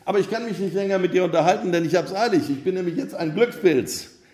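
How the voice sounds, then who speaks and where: A man playing an excited young man in a hurry. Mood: hurried, excited. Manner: quick, excited, higher voice. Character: eager, hasty young man seeking luck. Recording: roomy echo.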